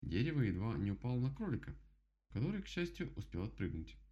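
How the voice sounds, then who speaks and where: A man narrating a children's storybook audiobook in a lively, expressive way. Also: mid-range voice, quick pace. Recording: dull lo-fi audiobook recording.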